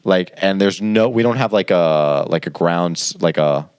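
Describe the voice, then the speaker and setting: Young man, twenties, lowish voice, dry close sound, rambling animated storyteller, casual podcast chat. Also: a little slow, smooth, dry recording. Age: 20s. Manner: rambling, animated, laughs while telling. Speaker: podcast co-host.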